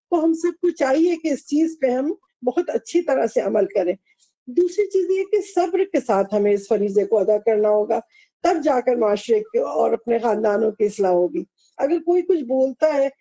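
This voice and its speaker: A woman with a high, warm, mellow voice gives a religious talk. She pleads earnestly and urges her listeners gently. The sound is close and dry, with no room echo. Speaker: religious lecturer.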